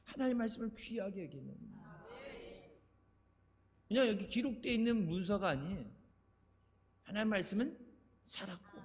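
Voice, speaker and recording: An older male pastor delivers a sermon in a chatty, storytelling way and chuckles at his own anecdotes. His voice sits high for a man. The sanctuary's long reverb trails after every phrase. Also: fairly bright tone. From Chungcheong, Korea. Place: church sanctuary. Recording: echoey church hall reverb.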